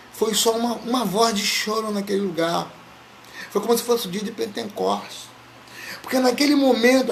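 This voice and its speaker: A male pastor preaching a sermon with impassioned delivery that builds to shouting. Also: high-pitched, gravelly, a little hiss or hum.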